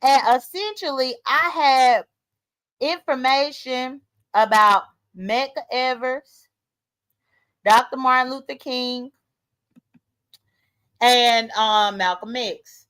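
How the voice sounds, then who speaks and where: High-voiced blunt woman in her thirties. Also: slow, pauses often, fairly bright tone, smooth, low-quality recording. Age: 30s. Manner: emphatic, blunt, talks straight to viewers. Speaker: vlogger. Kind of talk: casual commentary monologue.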